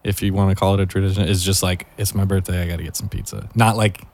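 A man in his late twenties chatting casually, laid-back and quick to laugh. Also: deep voice, little pitch movement, darkish tone, no room sound. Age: late 20s. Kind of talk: casual chat.

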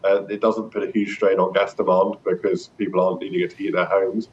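Low-voiced man on a muffled, rumbly line. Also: level tone, brisk, a little hiss or hum. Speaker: energy editor interviewed as expert. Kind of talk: explanatory interview answers.

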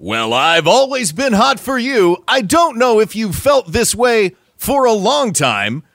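A man's voice: sits high, big pitch swings, measured pace, a bit bright, dry recording, studio quality, exaggerated voice. A man playing a husband who talks in an over-the-top fighting game announcer voice in an improvised comedy sketch. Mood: earnest, bombastic. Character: husband who cannot drop his booming announcer voice.

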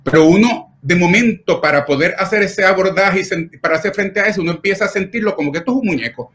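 A man's voice: high voice, quick pace, fairly bright tone. A middle-aged man, a pediatric doctor telling personal stories in an interview in an earnest, emotional way, often adding tag questions. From Puerto Rico. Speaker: pediatric nephrologist.

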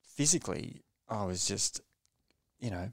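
A man, a former racing cyclist, telling a story as a podcast guest in a measured, low-key way and often restarting his phrases. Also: expressive, no room sound. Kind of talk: reflective storytelling in a podcast interview.

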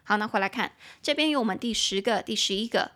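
A young adult woman hosting an English lesson podcast in Mandarin. She spells words out slowly and chats with playful asides. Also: bright, forceful tone. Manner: chatty, with playful high-pitched asides. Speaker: English teacher and podcast host. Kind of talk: bilingual vocabulary lesson podcast.

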